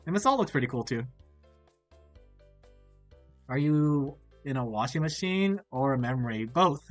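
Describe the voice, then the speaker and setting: A streamer with a mid-range voice and lively intonation chats in a rambling, curious way at a measured pace, asking lots of questions. A laptop portable streaming setup gives crunchy, bitcrushed-sounding mic audio. The sound is dry and close with no echo, and faint music plays behind.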